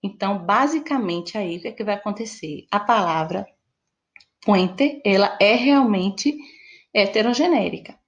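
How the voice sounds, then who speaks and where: A woman's voice: medium pitch, animated, normal speed, muffled recording. Brazilian woman teaching a language lesson. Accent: Brazilian Portuguese. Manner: explanatory, checks in with "né?". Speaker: Spanish teacher. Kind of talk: online lesson.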